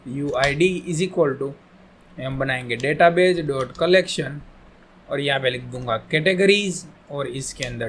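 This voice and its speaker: A man's voice: a little high, a bit bright, slight background noise. A man teaching a coding tutorial, explaining step by step in a casual, reassuring way and asking and answering his own questions. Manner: reassuring, casual, repeats "theek hai". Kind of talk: screen-recorded coding tutorial.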